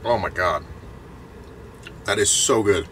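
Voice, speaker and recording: A young man vlogging as he cooks in a small camper van kitchen, relaxed and chatty. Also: deep voice, takes it slowly. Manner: relaxed, chatty, talks while cooking. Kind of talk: casual cooking vlog. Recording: noisy camper van recording.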